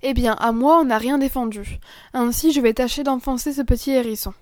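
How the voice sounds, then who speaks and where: A woman's voice: fairly high pitch, steady tone, fairly quick, dry recording, studio quality, close to an everyday voice. A woman voicing a remorseful young girl who pleads through her tears. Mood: bold. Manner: pleading, tearful. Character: remorseful unhappy young girl, quick-tempered.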